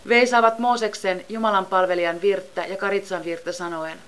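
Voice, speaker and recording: A woman reads scripture aloud at an even, measured pace. Her voice sits at a middling pitch, and her delivery stays solemn and steady. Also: clear, resonant tone. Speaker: scripture reader. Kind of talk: scripted Bible reading.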